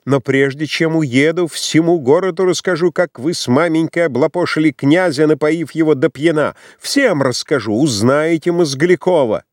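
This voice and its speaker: A man voicing a humiliated young gentleman who shouts in indignant fury, in a dry audiobook recording. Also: on the high side, normal speed, few pauses, dry recording, pitched above the performer's own voice, close to an everyday voice. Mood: furious.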